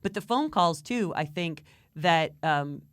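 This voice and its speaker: A woman co-hosting a podcast in a casual, rambling way, her voice pitched on the low side. She talks with bursts of animation and plenty of restarts. The sound is dry and close. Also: expressive, a little slow, no echo. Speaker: podcast co-host. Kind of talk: casual chat.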